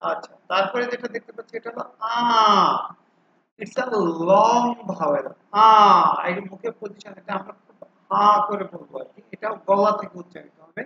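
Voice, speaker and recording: Speaking at normal speed in a high, creaky voice, a man explains a phonics lesson, going through each vowel and repeating its sound again and again as a drill. He mixes in English terms, and the recording is dull, lo-fi and echoey.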